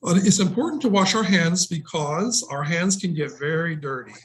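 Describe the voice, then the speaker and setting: Reading to young children as a guest, a middle-aged nurse works through a picture book over a video call and puts simple questions to them. He sounds expressive, a bit high in pitch, at a moderate pace. The audio is noisy, with clicks.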